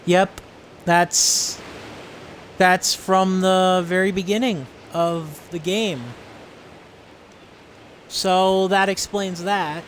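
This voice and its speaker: A man's voice: high-pitched, fairly even intonation, drawn-out words, long pauses, a little hiss or hum. A man casually commenting while streaming a video game, rambling and thinking aloud. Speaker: let's-play streamer.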